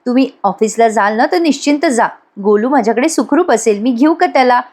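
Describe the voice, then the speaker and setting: A woman's voice: on the high side, animated, a little fast, darkish tone. Woman doing an eager polite young nanny.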